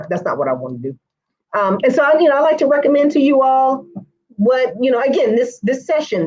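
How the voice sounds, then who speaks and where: A woman's voice: mid-range voice, a little mellow, highs cut off. A woman hair stylist teaching a live online course, chatting with viewers by name and answering their comments. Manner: chatty, addresses viewers by name, says y'all.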